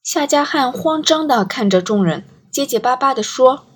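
A woman narrating an audiobook in an even storytelling manner. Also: high voice, moderate pace, slightly rough.

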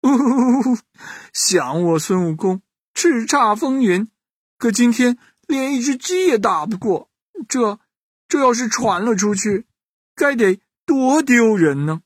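A boastful, weepy monkey king, played by a man in a bedtime storybook, pitched well above his storyteller's voice and swinging lively up and down. He wails and coaxes in a husky voice, heard close and dry. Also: unhurried, dry recording, exaggerated voice. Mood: sobbing. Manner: wailing, then sly and coaxing.

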